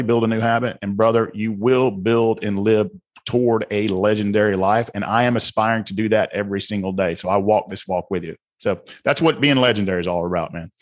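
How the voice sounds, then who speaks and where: A middle-aged man with a Southern US accent, a guest author speaking earnestly and motivationally in a podcast interview. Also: on the low side. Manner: earnest, motivational, repeats phrases.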